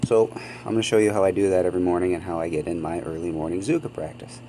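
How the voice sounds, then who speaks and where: Talking fast, a deep-voiced gaming channel host rambles through casual commentary on his play, dropping ums and little apologies throughout while sniffling from a cold. The home recording is rough, with a constant hum underneath.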